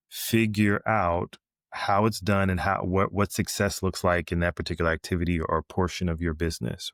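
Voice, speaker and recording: A man's voice: sits low, no room sound, studio quality. A man speaking as a business coach guest on a podcast, explaining step by step and checking in with "right?" as he goes, with many fillers. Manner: explanatory, ends points with "right?"; frequent fillers and restarts. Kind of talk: podcast interview.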